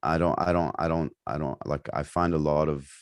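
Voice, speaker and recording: Podcast guest: young man from Lebanon, very low voice, loose chatty delivery full of fillers. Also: fairly even intonation, normal speed, no room sound, clean studio sound. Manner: rambling, many fillers and restarts. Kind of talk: casual interview chat.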